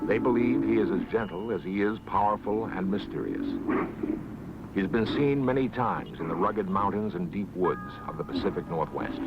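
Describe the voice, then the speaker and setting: A low-voiced American man delivers dramatic nature documentary narration, measured and suspenseful, with wide swings in intonation. The sound is that of a dull vintage TV soundtrack, with loud music behind him. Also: vocal fry. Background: loud background music.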